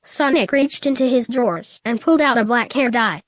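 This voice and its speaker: A woman reading fan fiction aloud in a steady, plain way. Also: on the high side, normal speed, no room sound.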